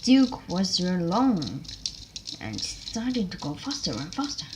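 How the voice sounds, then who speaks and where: A woman reading a children's train story aloud, halting and stumbling over words. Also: fairly low pitch, sing-song, noisy background. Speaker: reader.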